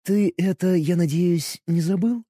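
A man voicing a proud, scornful young high-elf woman rogue in an audiobook, silky and condescending. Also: a little slow, dark tone, dry recording, studio quality. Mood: velvety. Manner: silky, condescending, turns sharply imperious.

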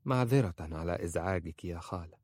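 Man reading a gentle, innocent young bride. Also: lowish voice, big pitch swings, a little fast, no room sound, studio quality. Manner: soft, gentle pleading.

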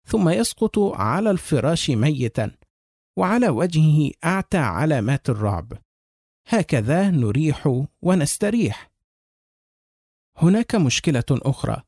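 A man's voice: fairly high pitch, mellow, slightly rough, no room sound, studio quality. A man narrating a horror story with a tense, suspenseful delivery. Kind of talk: dramatic horror story reading.

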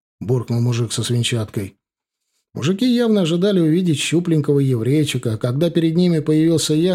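A man reads a first-person audiobook story in a cool, measured voice. His pitch rises and falls in a lively way. He sounds calm and in control of the telling. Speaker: audiobook narrator.

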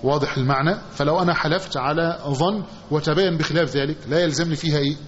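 A man with an Egyptian accent teaching a hadith commentary lesson, often quizzing his listeners with a drawn-out "what?" and repeating the answer. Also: a little high, steady tone. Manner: asks the class questions, repeating phrases with a drawn-out "what?". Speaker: religious teacher. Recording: dull lo-fi recording with faint hiss.

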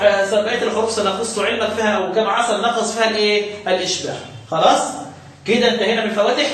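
A high-voiced man with an Egyptian Arabic accent teaches a recitation lesson, asking his students questions and drawing out key terms. He is picked up from a distance in a very echoey room, with faint noise underneath. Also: a bit bright.

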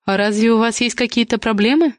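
A woman voicing a poised young woman who talks softly and persuasively at a party, in an audiobook. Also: a little high, quick pace, no echo, studio quality, close to an everyday voice. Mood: gentle. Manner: soft, smooth and persuasive. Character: poised, gentle young woman, charming guest.

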